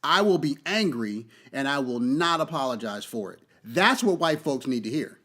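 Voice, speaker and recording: A man's voice: mid-range voice, expressive, normal speed, bright, forceful tone. A man hosting a podcast, delivering an impassioned, profane monologue and repeating key phrases for emphasis. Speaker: podcast host.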